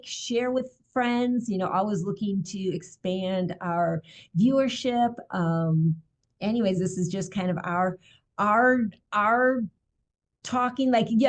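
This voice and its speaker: An older woman hosting a casual talk show, effusive and exclamatory, often breaking out in delight. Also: medium pitch. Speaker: podcast host. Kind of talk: casual conversation.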